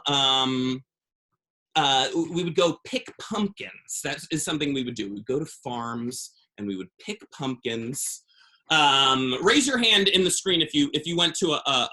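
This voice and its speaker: A man's voice: on the high side, bright, forceful tone, rough recording. A man on a school video call, chatting playfully with children between sing-alongs, loose and rambling with lots of ums. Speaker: children's performer on a school visit. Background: his own acoustic guitar.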